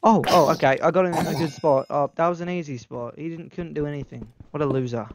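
Excitable man doing game commentary. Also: fairly high pitch, fast, background noise. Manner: excitable, talks straight to viewers, yelps when scared. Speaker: gaming YouTuber. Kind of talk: gameplay commentary.

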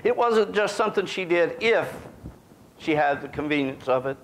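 Folksy pastor preaching. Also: male voice, fairly high pitch, animated, moderate pace, a bit bright, a little hiss or hum. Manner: folksy, conversational preaching with restarts and asides. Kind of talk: sermon. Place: small church sanctuary, indoors.

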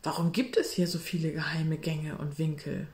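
A woman's voice: low voice, fairly even intonation, normal speed, a little mellow, lightly acted. A woman voicing a curious, bold girl in a storybook reading, questioning in manner, in a roomy echo.

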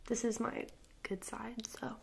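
A woman's voice: fairly high pitch, fairly even intonation, a little slow, gravelly, a little hiss or hum. A young woman playing a snooty popular girl in a whispered role-play, with a mock-sweet, snippy, condescending manner. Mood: snippy, exasperated. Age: young adult. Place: small indoor room, seated before camera.

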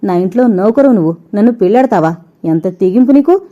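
A woman voicing an arrogant, scornful rich young woman who talks in quick, cutting bursts, on a dull lo-fi recording. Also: mid-range voice, lightly acted.

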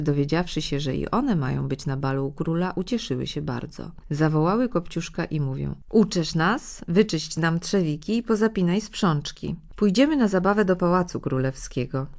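A woman narrating a fairy tale audiobook, reading gently and expressively and lending her voice to the characters' lines. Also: low voice. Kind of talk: storybook narration.

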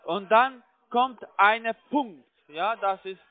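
A foreign-accented man with a high voice talks slowly over a tinny, narrowband phone connection; German is not his native language. Posing as IT support from a call center, he gives instructions step by step, repeating himself and tacking on tag questions to check in.

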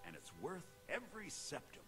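A man's voice: moderate pace, music in the background. An actor playing a sarcastic, greedy male merchant in a video game, speaking in a dry, sardonic way. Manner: dry, sardonic, lively pitch.

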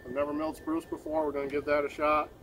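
A man's voice: a little high, little pitch movement, fast talker, fairly bright tone, slight background noise. Easygoing man chatting in an outdoor yard. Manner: easygoing, rambling, repeats words and restarts. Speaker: woodworking channel host. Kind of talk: casual outdoor workshop commentary. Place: outdoor sawmill yard in the woods.

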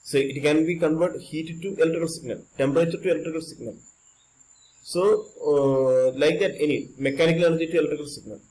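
Speaking fast in a somewhat high, slightly mellow voice, this Indian-accented electronics teacher explains things informally in simple non-native English, often repeating and rephrasing himself. The indoor screen-recorded voice-over has poor audio.

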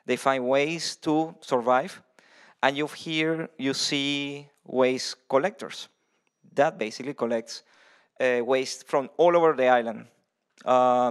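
A man from Venezuela in his thirties gives a conference talk into a handheld mic. He speaks in a loose, conversational way, restarting phrases and filling pauses with ums. His voice sits at an ordinary pitch for a man, and he is heard in a large, dark conference hall.

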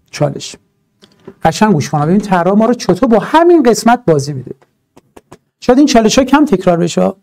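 A man teaching a grammar lesson for exam prep, talking in an animated, emphatic way with drawn-out stresses and rhetorical asides. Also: high-pitched.

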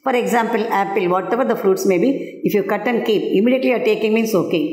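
A woman's voice: medium pitch, rapid-fire, darkish tone. An older woman with a South Indian Tamil accent teaching a school science class, asking questions and answering them herself as she explains. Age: older, around 60s. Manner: asks and answers own questions, checks understanding. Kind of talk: classroom lesson at a blackboard. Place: indoor classroom at a blackboard. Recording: echoey classroom.

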